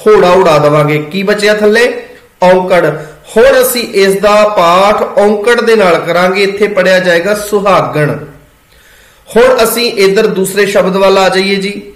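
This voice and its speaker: A man's voice: high voice, reverberant, poor audio. A man giving a patient pronunciation lesson, asking questions and answering them himself. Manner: patient, asks and answers his own questions. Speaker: Gurbani pronunciation teacher. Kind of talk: step-by-step spoken lesson.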